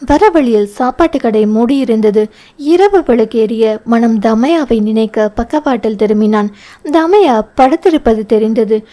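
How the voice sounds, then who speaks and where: Mellow-voiced woman reading a novel. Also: fairly high pitch, animated, measured pace. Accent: Tamil. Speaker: audiobook narrator. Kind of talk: novel reading with character dialogue.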